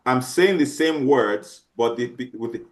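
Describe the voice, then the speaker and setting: Lecturing a class in a medium-pitched voice, this male teacher speaks in fits and starts, leaning on fillers and repeatedly making sure his students understand.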